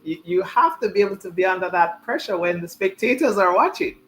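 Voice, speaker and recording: A man's voice: high-pitched, lively intonation, fairly quick, a bit bright, a little hiss or hum. A man giving live chess commentary and chatting, repeating his key points for emphasis.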